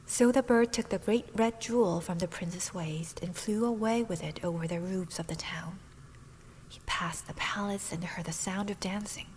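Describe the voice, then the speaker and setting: A woman's voice: medium pitch, normal speed, slight background noise, poor audio. Woman whispering a fairy tale in English. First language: Korean. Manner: calm, soft whispered narration. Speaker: actress reading a fairy tale. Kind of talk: whispered role-play.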